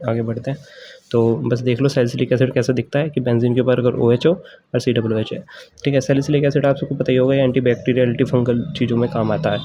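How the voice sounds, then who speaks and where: A man's voice: medium pitch, mellow, a little hiss or hum. A man teaching a chemistry lesson for exam prep, explaining step by step, mixing English science terms into his Hindi and asking the class questions.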